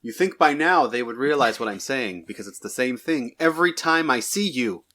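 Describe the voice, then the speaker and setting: A man co-hosting a casual podcast who throws in quick, joking asides. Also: medium pitch, animated, pushed and bright. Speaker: podcast co-host, teacher.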